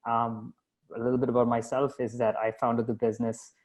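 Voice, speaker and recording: Brisk and flat in delivery, with a darkish mid-range voice, this man is a company founder and CEO raised in Dubai. As a guest in a relaxed interview conversation, he answers chattily, pokes fun at himself, and often restarts or uses fillers.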